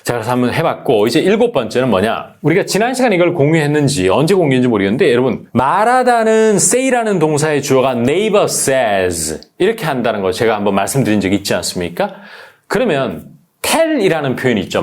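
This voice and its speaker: A middle-aged man teaching English conversation in a casual lecture, reading English example sentences slowly and carefully. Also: mid-range voice. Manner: animated, switches between plain speech and slow, careful English examples.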